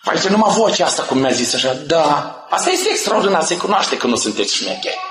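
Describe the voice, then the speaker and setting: A man with a high, bright voice preaches a sermon with emphatic, joking energy, breaking into shouts. His voice rings through an echoey church hall. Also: big pitch swings, faint music behind. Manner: emphatic, jokey, bursts into shouts.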